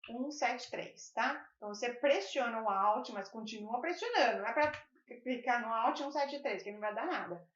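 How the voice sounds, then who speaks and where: A woman's voice: fairly high pitch, animated, normal speed, a bit bright. A woman who is a native Spanish speaker, teaching an online lesson in a patient, explanatory way and often checking in with her students. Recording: echoey room, slightly dull sound.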